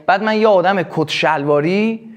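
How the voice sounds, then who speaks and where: A man teaching a live sales workshop, explaining with quick acted examples. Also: sits high. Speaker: sales trainer.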